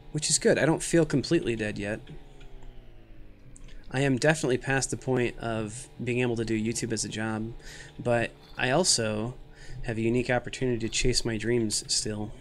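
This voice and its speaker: A man's voice: lowish voice, gravelly, a bit bright, a little hiss or hum. A man of thirty streaming a game, chatting with viewers in a rambling, self-mocking, jokey way, tired and a little loopy from too little sleep and too much caffeine. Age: 30s. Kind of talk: casual live-stream commentary.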